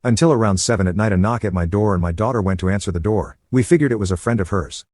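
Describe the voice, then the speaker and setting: Male narrator, lower register, dry close read, steady storytelling delivery. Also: quick pace, no echo.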